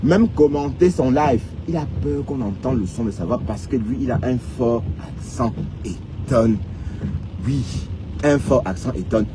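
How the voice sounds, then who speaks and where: With lively intonation and an unhurried pace, this medium-pitched man from Cameroon rants on a casual live stream. He teases and mocks viewers in a Cameroonian French accent, frequently adding "hein." There's noise in the background.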